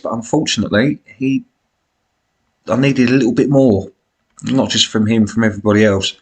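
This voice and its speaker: A British man with a smoker's rasp and cough, giving chatty, blokey, self-deprecating commentary on a football management game as he live streams. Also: lowish voice.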